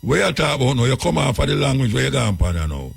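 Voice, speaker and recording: A Jamaican man hosting a call-in show, giving terse replies in Rasta speech with a gravelly, husky voice. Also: medium pitch, sing-song, quick pace, no room sound. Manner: terse interjections. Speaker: radio call-in host.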